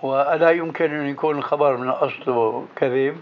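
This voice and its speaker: A man's voice: mid-range voice, fairly even intonation, brisk. A man, a sheikh questioning his student closely in a lesson, on a dull lo-fi tape. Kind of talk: recorded lesson discussion. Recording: dull lo-fi tape with faint hiss.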